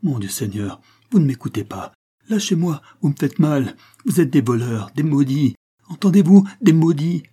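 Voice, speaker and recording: A man's voice: fairly high pitch, sing-song, moderate pace, dark tone, breathy edge, voice pushed up. A man doing a terrified old madwoman. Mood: terrified pleading. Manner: frantic, broken pleading cries. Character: old madwoman sleepwalking in terror.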